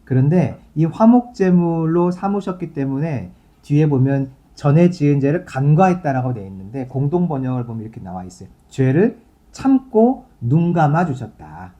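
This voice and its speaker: A man's voice: fairly high pitch, very animated, normal speed, mellow, lo-fi sound. A male pastor giving a sermon in a conversational, explaining way, reading scripture aloud and then talking it through for his congregation.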